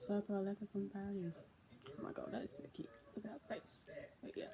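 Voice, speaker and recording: A woman's voice: medium pitch, level tone, fairly quick, a crowd in the background, low-quality recording. A young woman chatting casually through a vlog, rambling with lots of "so, yeah" fillers, recorded on a tablet's built-in mic. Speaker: vlogger. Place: indoors in daylight.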